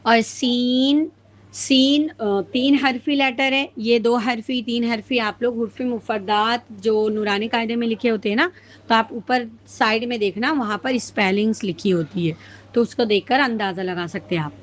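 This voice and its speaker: Patient woman teaching Quran pronunciation. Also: fairly high pitch. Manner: patient, demonstrates letter sounds slowly and repeatedly. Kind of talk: casual spoken lesson with slow drawn-out recitation.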